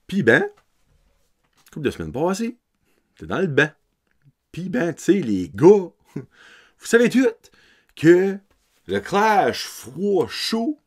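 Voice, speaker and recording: A man in his thirties with an Acadian French accent, hosting a podcast and telling a story in a casual, laughing way, dropping English words into his French. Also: on the high side. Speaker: podcast host.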